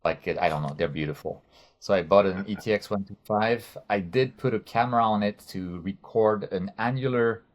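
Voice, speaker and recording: A man from France with a French accent, a guest in a casual interview, often repeating words as he thinks. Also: low-pitched.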